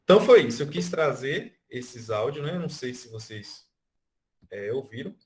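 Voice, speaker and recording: Over a video call with a little hiss or hum, a Brazilian man leads an online music lesson, explaining through counted beats and drawn-out syllables. His mid-range voice is expressive and measured, with a Brazilian Portuguese accent.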